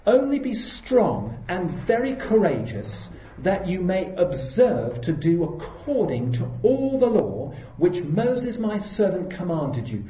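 A man's voice: sits high, big pitch swings, takes it slowly, hardly any pauses. A man preaching a sermon in an earnest, exhorting way, rising to emphatic peaks. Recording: dull roomy hall recording.

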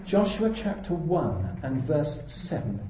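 A man's voice: fairly high pitch, very animated, slow pace, a little hiss or hum. A man preaching a sermon in an earnest, exhorting way, rising to emphatic peaks. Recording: dull roomy hall recording.

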